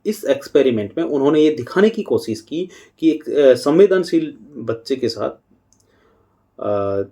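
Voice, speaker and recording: A middle-aged man giving a calm devotional talk on parenting as a spiritual teacher, unhurried and pausing now and then. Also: medium pitch.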